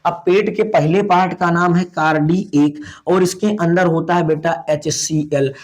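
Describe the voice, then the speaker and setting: A man gives a biology lesson. His voice sits a little high, and he drills terms by asking them back to his students, addressing them fondly as "beta". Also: fairly even intonation, a little slow. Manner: repeats key words as questions, calls students "beta". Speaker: biology teacher. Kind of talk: classroom lecture.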